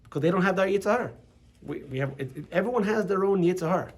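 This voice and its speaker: A man's voice: high voice, very fast, breathy edge. A man teaching a religious class as rabbi, chatty and full of restarts and asides. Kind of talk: Torah lesson with casual storytelling. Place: classroom with students.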